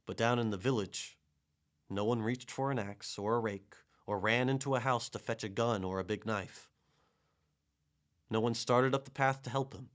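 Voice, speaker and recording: A man narrating a children's storybook in a gentle, measured way. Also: medium pitch. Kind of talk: storybook reading.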